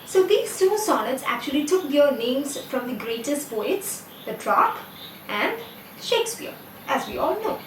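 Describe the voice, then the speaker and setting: A woman's voice: high-pitched, very animated, measured pace, a little hiss or hum. A woman with an Indian English accent explaining poetry as a lecturer, asking the listener questions and then answering them herself. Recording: roomy echo, distant mic, faint ambience.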